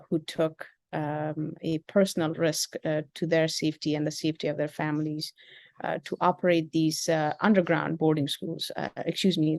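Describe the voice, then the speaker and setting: Woman from Afghanistan, low voice, gravelly texture, dry close sound, halting interview answers with many fillers. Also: a little mellow, dry recording. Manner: halting, many ums and uhs, measured. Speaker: interview guest, school founder.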